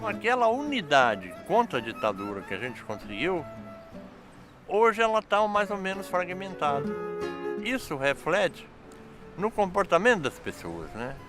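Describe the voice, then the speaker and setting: A man's voice: high-pitched, huge pitch swings, a little slow. A man explaining and arguing his views in an interview. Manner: explanatory, argumentative. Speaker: interviewee, union veteran. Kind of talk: political reflection. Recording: faint guitar music behind.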